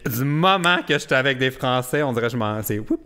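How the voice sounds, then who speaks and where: A man with a Quebec French accent hosts a podcast in a loose, casual chat. He is animated and laughs often, and he likes to mimic catchy phrases. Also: medium pitch, brisk, clear, resonant tone. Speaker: podcast host.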